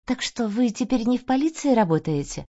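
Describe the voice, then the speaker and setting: A woman voicing an eager, earnest young woman who speaks in a lively, raised voice. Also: fairly high pitch, fairly quick, pitched above the performer's own voice. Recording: dull lo-fi audio.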